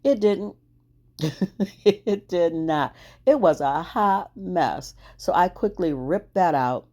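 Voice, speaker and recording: A woman with a low, mellow voice hosts a crafting video, cheerfully chatting through each step in a casual voice-over and laughing at her own struggles.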